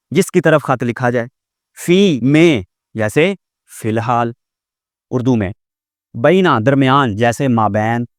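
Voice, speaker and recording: A man teaching a vocabulary lesson in a patient way, explaining each word slowly and often repeating it. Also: mid-range voice, no room sound, clean studio sound. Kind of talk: classroom lesson.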